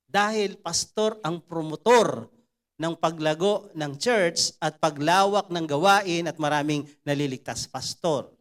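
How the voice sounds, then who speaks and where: A pastor with a noticeably high-pitched voice preaches a sermon to his congregation. He tells a comic story and acts out each character's lines as he goes.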